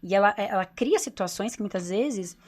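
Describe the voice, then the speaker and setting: A woman's voice: medium pitch, expressive, moderate pace. A woman with a Brazilian accent, a doctor who runs a nutrition clinic, telling her personal story as a podcast guest in an earnest, confiding way, often tagging her sentences with "né?" and repeating phrases.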